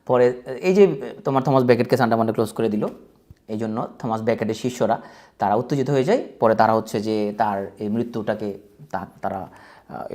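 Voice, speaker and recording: A man's voice: lowish voice, a little mellow. A man with a Bangladeshi Bengali accent giving a casual exam-prep lecture, chatty and joking as he speaks straight to his students. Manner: chatty, joking, colloquial, addresses students directly.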